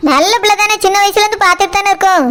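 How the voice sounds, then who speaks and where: A woman's voice: very high voice, very fast, very noisy. A woman voicing a stubborn village mother with a Tirunelveli Tamil accent, in a cartoon. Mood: insistent.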